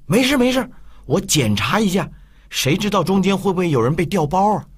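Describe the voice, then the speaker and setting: A man's voice: high voice, fairly quick, husky, pitched above the performer's own voice. A man voicing a teasing young prankster. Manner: teasing, lively. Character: mischievous playful young man. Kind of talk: audiobook character voice.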